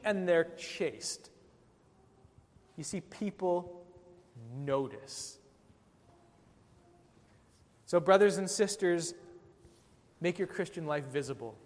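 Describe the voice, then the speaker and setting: A man, a pastor, delivering a sermon with an emphatic, rising and falling delivery. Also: on the high side. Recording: long hall reverb.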